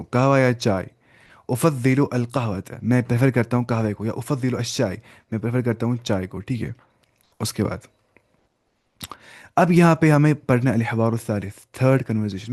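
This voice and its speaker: Fast-talking male Arabic teacher. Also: medium pitch, darkish tone, no room sound, clean studio sound. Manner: fast-talking, mixes in English, asks learners questions. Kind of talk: online language lesson in Hindi-Urdu.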